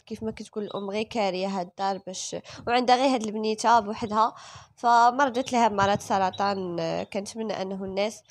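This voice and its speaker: A young woman with a Moroccan accent reporting and interviewing for viewers on a handheld microphone. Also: mid-range voice. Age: young adult. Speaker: field reporter.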